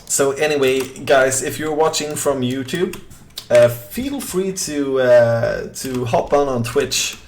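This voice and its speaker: Slow-talking Swedish man streaming a game. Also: medium pitch, slight background noise. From Sweden. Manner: rambling, reads chat aloud, many fillers. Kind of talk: casual live-stream chat.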